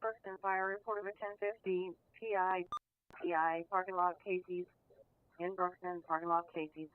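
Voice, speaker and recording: A woman's voice: on the low side, steady tone, moderate pace, no echo. A woman working as an emergency dispatcher, giving clipped, repeated ambulance and fire calls over a two-way radio. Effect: two-way radio transmission. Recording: tinny narrowband scanner radio audio.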